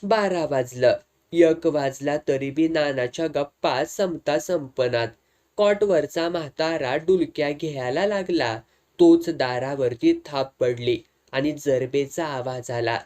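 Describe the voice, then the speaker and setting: A man narrating a comic village story at an unhurried, deliberate pace. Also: on the high side, darkish tone.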